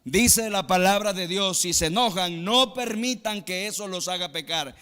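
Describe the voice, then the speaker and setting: High, bright-voiced preaching man. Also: normal speed, smooth, long reverb tail. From Mexico. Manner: emphatic preaching, swings between loud exclamations and low asides. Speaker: pastor. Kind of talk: sermon.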